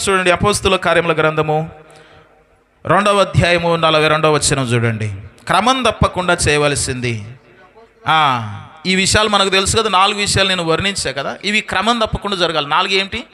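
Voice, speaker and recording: A man preaching a sermon, firing questions at the congregation and answering them, his voice swinging between loud rising declarations and soft low drops. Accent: Telugu. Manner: call-and-response questions to the congregation. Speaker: pastor.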